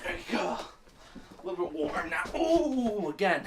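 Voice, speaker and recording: A man's voice: high voice, very animated, measured pace, heavy background noise. A young man playing a game on camera, reading its story text aloud with a dramatic touch and crude jokes in between. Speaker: let's play gamer.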